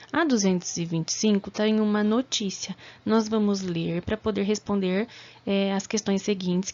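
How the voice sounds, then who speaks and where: A woman teacher with a Brazilian Portuguese accent explaining verb tenses in a recorded lesson, often checking in with "tá?" and slowing down to spell out conjugations. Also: mid-range voice, a little mellow. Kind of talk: recorded remote class lesson. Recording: slightly dull lo-fi audio.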